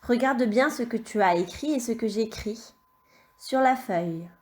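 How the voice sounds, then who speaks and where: A woman teacher giving a dictation lesson to small children, stretching each word out and spelling syllables letter by letter. Her voice sits a little high, and she keeps a very unhurried pace throughout. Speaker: primary school teacher.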